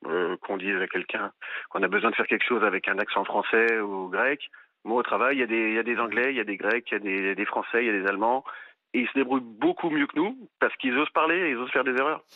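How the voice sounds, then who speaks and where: A man's voice: medium pitch, lively intonation, fast talker, gravelly, no echo. A man calling in to a radio talk show, chatting frankly with some hesitant fillers. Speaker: caller. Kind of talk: casual phone-in chat. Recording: tinny phone line.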